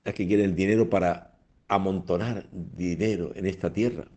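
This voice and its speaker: A man's voice: sits low, steady tone, moderate pace, darkish tone. A man preaching a sermon on the radio, emphatic, with repeated phrases and rhetorical questions.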